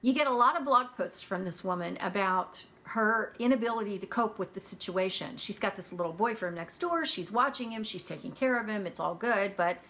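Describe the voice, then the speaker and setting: An American woman chatting about audiobooks in a relaxed, candid way. She talks plainly, with easy asides, at a middling pitch. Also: a little fast, few pauses. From United States. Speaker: audiobook reviewer. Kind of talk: casual chat.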